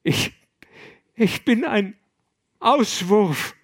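A man voicing a distraught young man who sobs and reproaches himself in a high, loud lament. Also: expressive, measured pace, heavily acted. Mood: despairing. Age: young adult. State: sobbing.

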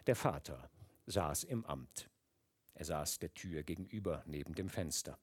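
A man reading a novel aloud in an expressive, dramatic narration. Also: very deep voice, a little slow, breathy edge. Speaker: audiobook reader. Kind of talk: literary audiobook narration.

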